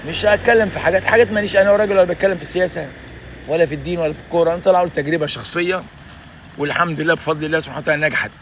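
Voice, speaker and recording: A man's voice: a little high, very fast, a bit bright, slight background noise. Emphatic 60s man with Egyptian accent, preaching. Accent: Egyptian Arabic. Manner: emphatic, preachy, repeats "ya basha". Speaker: vlogger giving life advice. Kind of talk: casual motivational talk.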